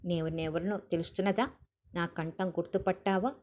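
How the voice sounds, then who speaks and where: A woman voicing a calm, tender young man who speaks softly and briefly, on a dull lo-fi recording. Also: lowish voice, brisk, close to an everyday voice. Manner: soft, brief, reassuring.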